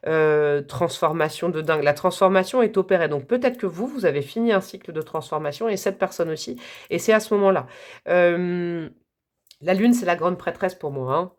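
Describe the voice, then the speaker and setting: A woman's voice: on the low side, normal speed. Chatty woman giving a tarot reading. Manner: chatty and warm, talks straight to viewers, frequent asides and little laughs; softly calm, gentle delivery. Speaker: tarot reader. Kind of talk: live tarot reading to viewers.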